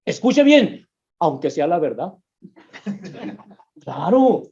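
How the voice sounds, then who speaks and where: A male pastor delivers a sermon on relationships, calling his listeners brothers and swinging between emphatic rises and drops. His voice is a little high and sing-song, extremely slow, with a darkish tone. The recording sounds dull and muffled.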